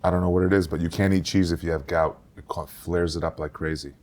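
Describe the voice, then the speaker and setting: A man's voice: low voice, steady tone, quick pace, darkish tone. A man co-hosting a casual podcast, telling vacation stories and quoting people in a raised voice. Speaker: podcast co-host. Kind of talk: casual chat.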